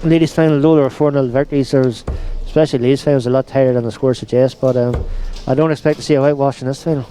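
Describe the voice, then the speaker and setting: Mellow man commentating on darts. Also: mid-range voice, fairly even intonation, very fast, a little hiss or hum. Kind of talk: live sports commentary, conversational.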